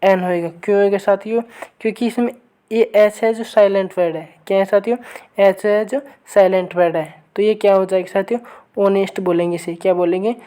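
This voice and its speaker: A woman teaching an online grammar lesson, who keeps asking her viewers for the right answer and reads each sample sentence slowly and again. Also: mid-range voice, steady tone, warm tone. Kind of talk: online exam-prep lesson.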